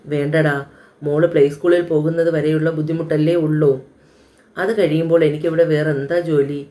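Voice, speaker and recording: A woman's voice: low-pitched, level tone, fairly quick, dark tone, lightly acted. A woman voicing an older mother in her sixties, caring and anxious, who talks in a pleading, motherly way in an audio storybook. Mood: worried.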